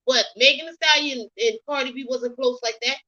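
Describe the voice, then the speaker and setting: This casual commentary vlog features a woman from the US South with a Geechee accent, giving rambling, opinionated celebrity gossip laced with ums and you knows. She talks at normal speed in a high voice with a sharp tone. The audio sounds dull.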